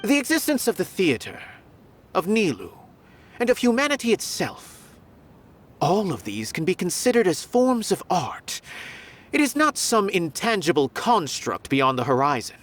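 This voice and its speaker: Voicing a pompous, condescending theater philosopher in a video game, a woman muses aloofly with deliberate phrasing. Her voice is lowish and very animated, over faint background music.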